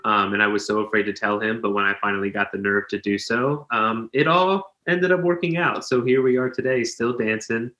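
A young man in his twenties from Pennsylvania speaks with a bright, forward tone. He chats in a friendly way and fills pauses with ums. His webcam picks up a noticeably roomy echo. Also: medium pitch, lo-fi sound. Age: 20s. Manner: friendly, uses lots of ums. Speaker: guest, professional dancer. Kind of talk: casual interview chat. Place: indoor living room. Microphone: video call webcam.

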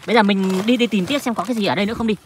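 A woman co-hosting a playful outdoor vlog with her friend, teasing and reacting with loud exclamations. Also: mid-range voice, very fast. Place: outdoors in a farm field. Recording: loud noisy outdoor recording.

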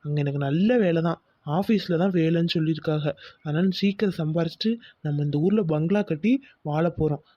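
A young husband, played by a man in a village cartoon, firm but caring. He talks fast and reassuringly. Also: fairly high pitch, dark tone, no room sound, dull audio, lightly acted.

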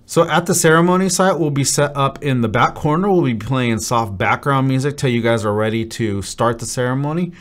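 A man's voice: mid-range voice, brisk, few pauses. Upbeat man explaining wedding DJ plans. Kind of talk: venue overview talk to camera. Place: dim studio set with brick wall.

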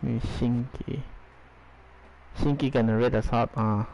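A man's voice: medium pitch, fairly even intonation, extremely slow, gravelly, a little mellow, a little hiss or hum, low-quality recording. A man streaming a video game, reacting with loose, slangy commentary and frequent swearing. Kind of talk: casual gameplay commentary.

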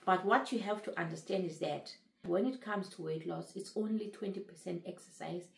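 A woman's voice: on the low side, moderate pace, vocal fry, roomy sound. A woman in her late thirties talking casually to camera about her weight loss, earnest and repeating phrases for emphasis. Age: 30s. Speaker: vlogger sharing her weight-loss journey.

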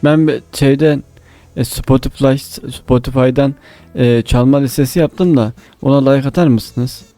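A man voicing a lovesick, rambling drunk who talks haltingly and repeats himself in a game voice chat. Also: mid-range voice, fairly even intonation, dark tone, no echo, faint music behind, lightly acted. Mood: hesitant, rambling.

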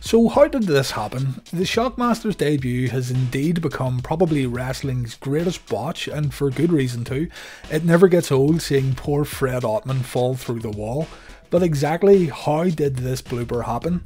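A man giving scripted documentary narration in a steady storytelling delivery. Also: medium pitch, moderate pace, slightly rough, faint music behind.

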